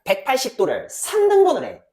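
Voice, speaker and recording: A woman teaching math lectures her class in a very animated voice, her pitch swinging widely from one line to the next. She fires quick questions at the students and mutters to herself while she calculates.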